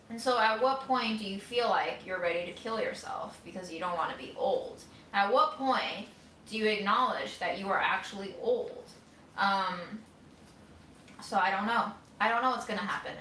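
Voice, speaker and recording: A woman in her thirties talks candidly and wryly as she cooks, her bright, forceful voice wandering from one thought to the next. She sits a little back from the mic, and the kitchen lends a roomy echo. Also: medium pitch, slight background noise. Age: 30s. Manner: candid, rambling, wry. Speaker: vlogger caring for her grandmother. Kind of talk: casual musing while cooking. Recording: roomy sound, mic at a distance.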